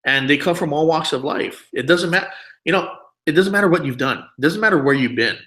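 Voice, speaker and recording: A man hosting a webinar and giving a persuasive sales pitch, often checking in with his audience. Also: expressive, fairly quick, fairly bright tone, low-quality recording. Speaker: webinar host.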